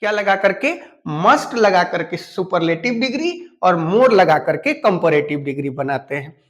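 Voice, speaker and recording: A man's voice: high voice, animated, normal speed. A man teaching an English lesson, explaining patiently step by step, spelling words out letter by letter and addressing students familiarly. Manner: speaks to students familiarly and asks them questions. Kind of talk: classroom lesson.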